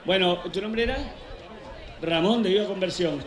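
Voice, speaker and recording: A man from hosting a live joke contest on an outdoor stage, lively and teasing as he hurries contestants along. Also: sits high, normal speed. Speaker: event host. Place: outdoor stage at a beach event. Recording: echoey outdoor stage, loud crowd.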